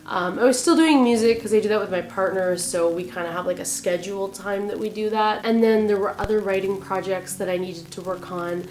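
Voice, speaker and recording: A woman with a raspy, growly voice from being sick, chatting casually and rambling a bit in a vlog about her writing. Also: mid-range voice, brisk, hardly any pauses, darkish tone, roomy sound. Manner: chatty, rambling, self-correcting. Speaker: author and vlogger.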